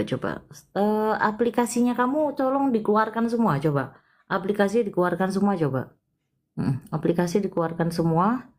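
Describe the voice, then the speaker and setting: A woman hosting a live palm-reading consultation, chatty and expressive, with frequent exclamations. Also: medium pitch. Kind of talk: casual live-stream reading.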